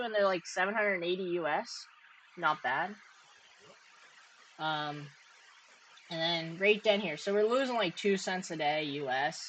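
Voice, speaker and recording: A woman's voice: lowish voice, a little hiss or hum, rough recording. A woman from Canada with a Canadian accent, hosting a casual chat and talking through her thoughts as she goes. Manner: chatty, laughs often, thinks aloud. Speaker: crypto mining streamer host.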